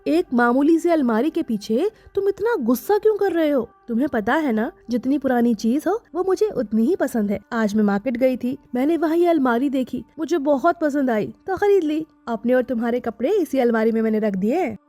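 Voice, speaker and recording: A woman voicing a chatty, stubborn young wife in an animated story. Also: high voice, brisk, few pauses, no echo. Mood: defiant. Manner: chatty, teasing, defiant.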